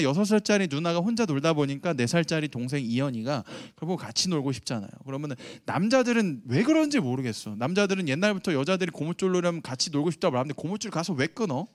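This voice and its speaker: A man in his thirties preaching a lively sermon to middle schoolers, telling a family story and asking the audience questions. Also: on the high side, no room sound, clean studio sound. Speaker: youth pastor. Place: church sanctuary.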